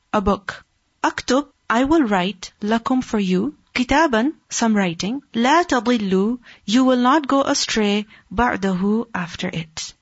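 A woman teaching a religious lesson on hadith, reading Arabic quickly and then translating it phrase by phrase in English. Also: on the high side, husky, no room sound. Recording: dull, slightly lo-fi dry recording.

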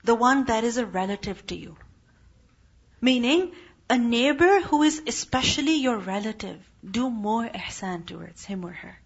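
A woman with a high voice teaches a Quran lesson to a class. She keeps asking her students questions and then answers them herself. The recording sounds dull and lo-fi. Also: lively intonation, normal speed, breathy edge.

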